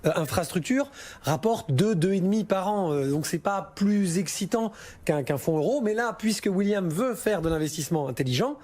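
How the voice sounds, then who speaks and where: A man's voice: high-pitched, expressive, moderate pace, darkish tone. A man working as a financial adviser, explaining investments on a listener question show in a chatty, informal way with frequent hesitations.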